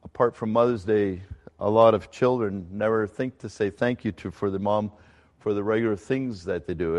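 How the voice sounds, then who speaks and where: A middle-aged male pastor who grew up in Ecuador, preaching a sermon in a conversational, halting way with fillers and restarts. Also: on the low side, a little mellow. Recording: long hall reverb.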